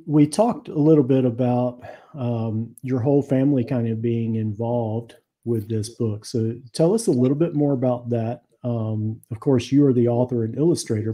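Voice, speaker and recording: A man hosting an interview over a video call, asking questions in a halting way with many fillers. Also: medium pitch, dark tone, slightly rough. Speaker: show host.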